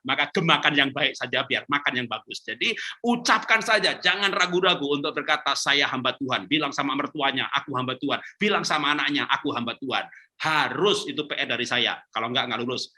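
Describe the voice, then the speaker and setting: A man giving a lively church talk on parenting over a video call, acting out quotes and laughing often. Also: on the high side, brisk. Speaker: conference speaker. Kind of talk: lively sermon-style talk on webinar.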